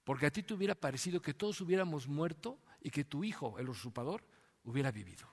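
A preacher doing a stern blunt old general. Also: male voice, on the high side, very animated, fast, creaky, big-room sound, heavily acted. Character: stern blunt male army general scolding a king.

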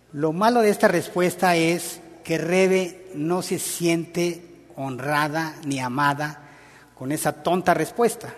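A man's voice: a little high, in a large hall. A man preaching a sermon in a conversational, storytelling way.

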